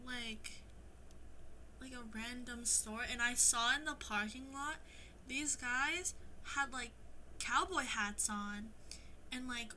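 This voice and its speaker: Giggly high-voiced woman podcast co-host. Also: background noise. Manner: giggly, chatty, rambling stories. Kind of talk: casual chat.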